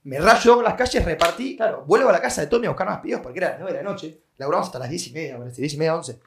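A young man with an Argentine accent tells a story on a podcast. His voice sits high for a man, and he acts out the sounds and voices in his tale with lively energy. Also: very fast, vocal fry, a little hiss or hum. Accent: Argentine Rioplatense Spanish. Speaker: podcast guest. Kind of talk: casual storytelling.

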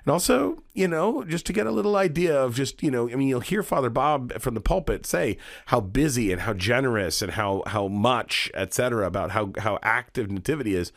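A priest in his thirties co-hosting a podcast, talking casually and cracking jokes. His voice is mid-pitched, and it is recorded dry and close. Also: lively intonation, brisk, creaky, hardly any pauses, dry recording. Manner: upbeat, joking, conversational. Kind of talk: casual chat.

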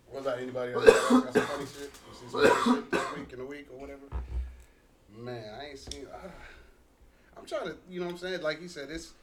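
A man's voice: mid-range voice, brisk, long pauses, a crowd in the background. Guy on a podcast with his buddies, voice jumps all over when he tells a story, other folks chiming in around him. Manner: animated storyteller, acts out quoted voices, laughs often. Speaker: podcast co-host. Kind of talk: casual profane chat.

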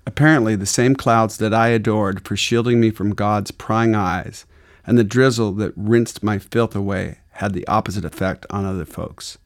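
Low-voiced wry male memoir narrator. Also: normal speed. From Arizona. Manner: wry, deadpan, gritty.

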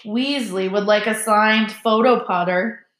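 A woman's voice: medium pitch, a little slow, fairly bright tone, echoey room, close to an everyday voice. A woman voicing a spoiled schoolboy bully in a storybook, with scathing, mocking, sneering taunts. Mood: sneering, smug.

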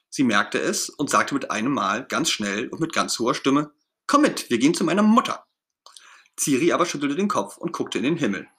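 In a mid-range voice, a man reads aloud a children's story, narrating it with gentle expressiveness.

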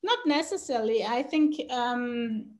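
A middle-aged woman from South America speaks as a podcast guest in a somewhat high voice. She talks in halting phrases full of fillers, often breaking into laughter. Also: lively intonation, a little mellow. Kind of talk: casual interview chat.

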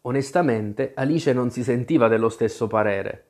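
A narrator reading a storybook aloud in a measured, expressive way. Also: medium pitch. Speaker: audiobook narrator.

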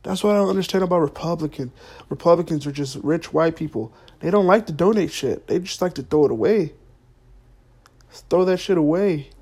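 A man hosting a podcast with a mellow, darker tone and a slightly high voice. He rants in a profane, mock-earnest way, circling back over his words. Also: a little fast, husky. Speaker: podcast host. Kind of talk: comedic podcast monologue.

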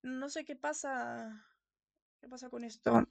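A woman's voice: high-pitched, fairly even intonation, a little slow, gravelly. A woman with a Rioplatense accent in casual chat; her voice sounds hollow and muffled, as if talking into a can, from a faulty mic. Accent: Rioplatense Spanish. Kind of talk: casual chat about a TV series. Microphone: faulty computer mic with dropping volume.

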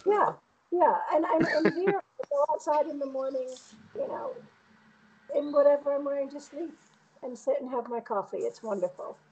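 Middle-aged woman, New England American, soft-edged mellow tone, chatty and reflective interviewee on slightly lo-fi audio. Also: sits high, moderate pace. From Connecticut, United States. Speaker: painter interviewed as guest. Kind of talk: casual conversational interview.

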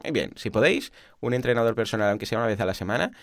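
A man's voice: lowish voice, rapid-fire, gravelly, no echo, studio quality. A man co-hosting a podcast in casual chat, enthusiastic and full of asides. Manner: animated, enthusiastic, many asides. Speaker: podcast co-host.

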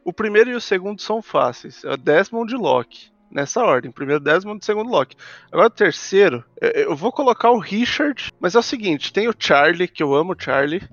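A man in a casual chat, talking deliberately and listing his picks. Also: high voice, animated, fairly bright tone, dry recording, muffled recording. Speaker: podcast co-host.

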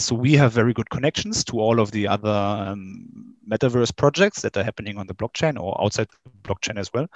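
A German man, a game company staff member whose first language is German, gives casual interview answers in a halting way, full of fillers and restarts. His voice is fairly low, with no room sound in the recording.

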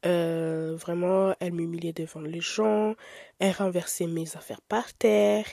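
A woman's voice: fairly low pitch, measured pace, gravelly, no echo, studio quality. Candid young woman hosting a podcast. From Italy. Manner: candid, expressive, chatty with filler words. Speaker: podcast host. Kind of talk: casual podcast monologue.

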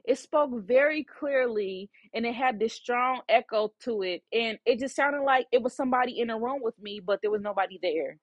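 A woman's voice: fairly high pitch, moderate pace, hardly any pauses, no echo. Chatty woman telling a personal story. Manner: casual and animated, often repeating "you know". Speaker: psychic medium and podcast host.

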